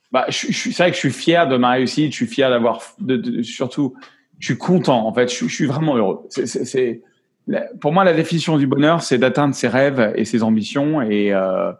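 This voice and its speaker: A man's voice: mid-range voice, animated, normal speed. Guy in his 40s, interview guest, talks openly, keeps tripping and restarting words, mid voice. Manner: frank, repeats and restarts words often. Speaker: photographer and actor guest. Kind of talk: casual interview chat.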